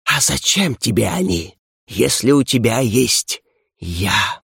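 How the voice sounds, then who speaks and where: Audiobook villain: man reading an imperious female darkness, slow and hissing, dry close recording. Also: mid-range voice, expressive, creaky, a bit bright, slightly rough, no echo, full character voice. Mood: grandiose.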